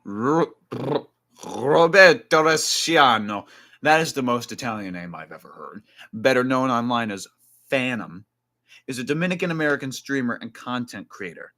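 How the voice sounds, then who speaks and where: A man's voice: medium pitch, sing-song, brisk, fairly bright tone. A man from New Jersey chatting casually on a live stream, rambling with restarts and asides while reading definitions aloud.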